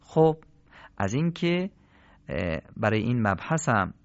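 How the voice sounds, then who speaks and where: A man's voice: medium pitch, very animated. A man teaching a Quran recitation lesson, asking questions and answering them himself, drawing out example words. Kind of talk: recorded lesson. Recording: slightly dull lo-fi recording.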